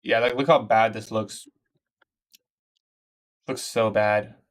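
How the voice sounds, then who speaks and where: A man's voice: fairly low pitch, steady tone, takes it slowly. A man of twenty-one from Iraq, hosting a live trading stream, commenting on his trades and answering chat in a casual, slangy way. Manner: casual, slangy, calls viewers bro. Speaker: livestream host, day trader.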